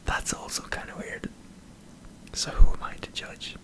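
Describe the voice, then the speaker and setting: An Irish man in a hesitant, self-deprecating ASMR ramble, speaking in a breathy whisper close to the microphone. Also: unhurried. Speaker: ASMR video creator. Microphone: close microphone in front of a camera.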